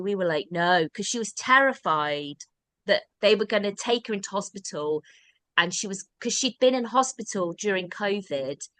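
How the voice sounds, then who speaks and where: British woman, podcast guest, rambling casual storytelling, bright tone, dry sound. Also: mid-range voice, no echo. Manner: rambling, with restarts and "like". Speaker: guest, drama workshop founder.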